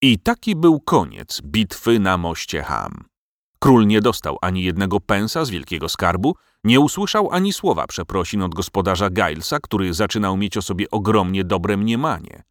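A man narrating a storybook tale for an audiobook. His voice sits low but swings widely in pitch with expressive storytelling. The recording is dry and close. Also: moderate pace, dry recording.

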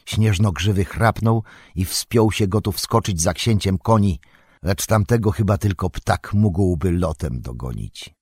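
A man narrating an epic fantasy audiobook in a measured storytelling manner. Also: sits low, darkish tone, breathy edge, no room sound, clean studio sound. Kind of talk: scripted narration.

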